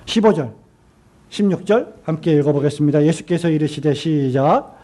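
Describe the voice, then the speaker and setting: A middle-aged male pastor preaching a sermon, asking the congregation questions and slowing down to quote scripture gently. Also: on the high side, crowd noise. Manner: asks the congregation questions and has them repeat lines; slows down and drops his voice when quoting Jesus.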